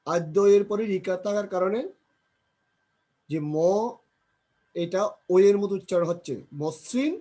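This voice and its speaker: This grammar lesson comes from a man whose voice sits high with fairly even intonation and a dark tone. He drills pronunciation slowly, repeats example words and asks and answers his own questions.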